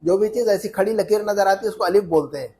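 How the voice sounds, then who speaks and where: A man's voice: high voice, fast, dark tone. A man teaching an Arabic lesson in Urdu, repeating phrases and checking that students follow.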